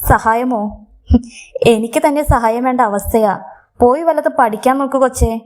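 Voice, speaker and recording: A woman's voice: fairly high pitch, moderate pace, a little mellow, lightly acted. A woman voicing a desperate young woman in a storybook reading, speaking harshly and sharply. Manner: harsh, snapping.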